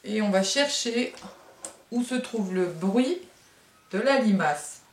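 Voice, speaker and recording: Woman, teacher, young-child phonics, drawn-out sounds, echoey. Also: medium pitch, animated. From France. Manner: slow, drawn-out syllables, sings sounds. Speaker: kindergarten teacher. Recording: echoey room, voice from a distance.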